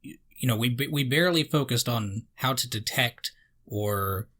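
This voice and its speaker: Young man in his twenties, bright edgy tone, husky, easygoing host chat. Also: mid-range voice, measured pace. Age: 20s. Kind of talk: casual conversation.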